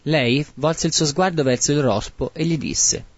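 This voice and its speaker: A man narrating a bawdy comic tale in a mock-solemn, lively way, in a dry, dull lo-fi recording. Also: a little high, measured pace, dry recording.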